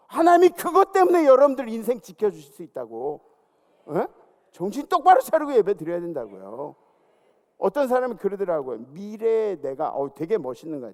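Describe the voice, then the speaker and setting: High-pitched exhorting pastor in a hall. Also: male voice, darkish tone. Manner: exhorting, calls out to the congregation. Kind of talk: sermon. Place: large church sanctuary. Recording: long church hall reverb.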